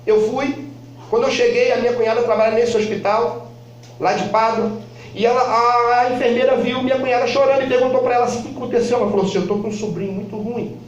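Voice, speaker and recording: A man with a very high voice gives a fervent church testimony, acting out the people in his story and bursting into shouts. He is from Brazil. The sound is very echoey and distant, picked up from across a church hall. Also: fairly even intonation, quick pace, dull audio, a little hiss or hum. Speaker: church member giving testimony. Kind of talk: impassioned testimony preaching. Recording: very echoey hall, mic far off.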